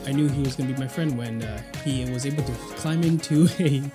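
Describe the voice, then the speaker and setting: A man's voice: medium pitch, brisk. A young man hosting a podcast in casual, chatty talk, recorded in an echoey apartment room. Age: young adult. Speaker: podcast host. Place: echoey room in a new apartment, makeshift studio. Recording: echoey room, music behind.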